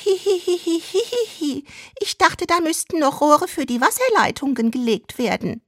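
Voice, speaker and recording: A woman voicing a lustful housewife from a dubbed sex film, with breathy, squealing, exaggerated moaning. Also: very high-pitched, wildly swooping pitch, measured pace, a bit bright, no room sound, studio quality, pitched above the performer's own voice, heavily acted. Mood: coy.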